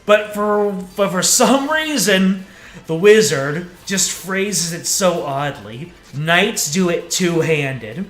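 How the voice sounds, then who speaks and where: A man's voice: high-pitched, lively intonation, takes it slowly, fairly bright tone. A man streaming a game and chatting in a rambling, casual way between story lines. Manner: rambling, chatty, filler-heavy. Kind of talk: let's play commentary. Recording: echoey room, faint music.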